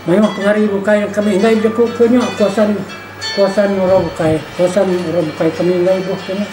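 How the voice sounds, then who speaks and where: Music plays behind this older man, whose voice sits high and stays level as he speaks at a moderate pace. Reflecting informally in an interview, he repeats himself emphatically and adds questioning tags. There's a roomy echo and faint background noise.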